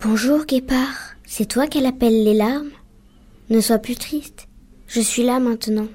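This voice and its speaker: A tender little boy from a spoken tale, gentle and quick to tears, as a woman puts him on. He talks softly and breathily, high and light, a touch away from the mic. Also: close to an everyday voice. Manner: soft, breathy, half-whispered.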